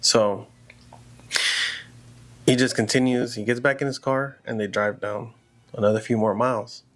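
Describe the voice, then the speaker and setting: A man's voice: medium pitch, fairly even intonation, unhurried. A man casually telling a horror story aloud, in a loose, rambling conversational way full of "you know" and "like".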